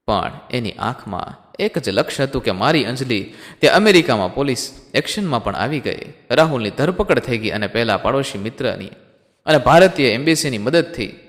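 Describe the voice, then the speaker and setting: Expressive male storyteller with room echo. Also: mid-range voice. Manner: dramatic, addresses listeners as friends. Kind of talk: emotional story narration.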